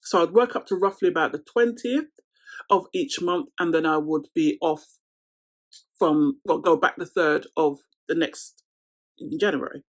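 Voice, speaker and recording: A woman's voice: sits low, measured pace. A woman in her thirties from London with a London accent, chatting casually to camera in a Q&A vlog and laughing often. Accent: London English. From London, England. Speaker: vlogger.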